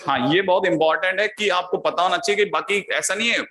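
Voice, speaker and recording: A male math teacher lectures in a bright, somewhat high voice and stretches out key terms as he writes them. He keeps checking that his students follow along. The sound is roomy and echoey, with a faint hiss underneath. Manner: explains step by step, keeps asking "हाँ या ना?" to check students follow; drawls key terms slowly while writing them. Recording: echoey room with faint background noise.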